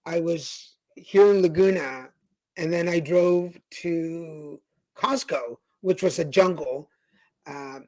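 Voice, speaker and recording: A co-host in a casual talk show, speaking in a relaxed, matter-of-fact way. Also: medium pitch, takes it slowly. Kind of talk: casual chat.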